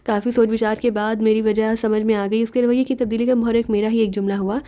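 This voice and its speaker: Sly joking male sleuth, read by a woman; mellow tone, mocking patter. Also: on the high side, little pitch movement, close to an everyday voice. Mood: calm explaining. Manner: rambling, mocking, teasing. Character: sly joking male detective, young man.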